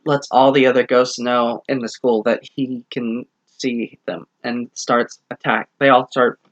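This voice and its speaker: A man's voice: mid-range voice, fairly bright tone, dull audio. A man giving a casual book review, rambling through the plot and correcting himself as he goes.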